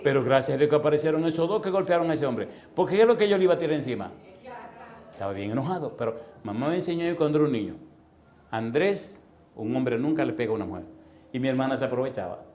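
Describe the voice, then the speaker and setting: A middle-aged man preaching a sermon in a church, telling comic stories with sudden loud bursts and sound effects and putting questions straight to the congregation. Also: medium pitch, animated, fast talker. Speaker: pastor. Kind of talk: sermon with comic personal anecdotes.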